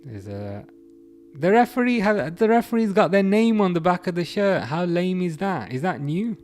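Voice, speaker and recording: This young streamer's voice sits high as he talks football at a moderate pace in a relaxed livestream. He reads out the chat and meanders through his thoughts with plenty of restarts.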